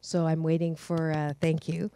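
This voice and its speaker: A woman's voice: low voice, monotone, moderate pace, dark tone, clean tone. A middle-aged woman hosting a talk show in a bubbly, effusive way, with frequent laughter. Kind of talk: casual interview chat.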